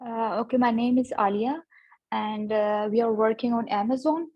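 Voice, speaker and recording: A woman student doing a practice call in halting English, hesitant and full of fillers, heard over a video call. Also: fairly high pitch, fairly even intonation, dry recording, muffled recording. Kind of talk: role-play practice call.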